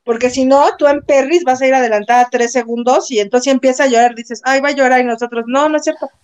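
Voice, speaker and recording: A woman's voice: sits high, steady tone, fast, crowd noise. A Mexican woman co-hosting a live watch-along, joking and chatty with lots of slang. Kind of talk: casual live chat.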